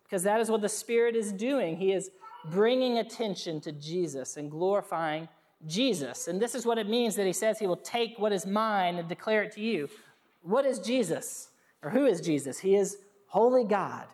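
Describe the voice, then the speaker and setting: A woman's voice: medium pitch, moderate pace. A woman preaching a sermon, earnest, telling stories and calling on the congregation to answer. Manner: earnest, warm storytelling with congregation call-and-response. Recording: long reverb of a hall.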